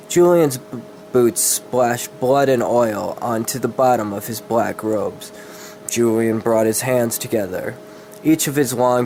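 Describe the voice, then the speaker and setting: Here a man with a mid-range, somewhat dark voice gives a dramatic fantasy horror reading, fumbling words and then correcting them. The recording is rough, and background noise comes through clearly.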